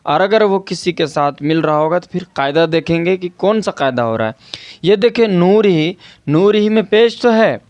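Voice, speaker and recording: A man's voice: high voice, expressive, normal speed, a little mellow, dry recording. Patient man drilling Quran reading syllables. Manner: asks rhetorical questions to students. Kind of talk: online Quran reading lesson.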